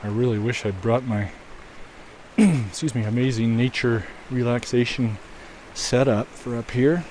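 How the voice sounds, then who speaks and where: A man walking a snowy trail outdoors and chatting casually to his viewers, relaxed and musing, with a mic on the camera. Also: mid-range voice, a little slow. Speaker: walking video host. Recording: outdoor recording with stream noise.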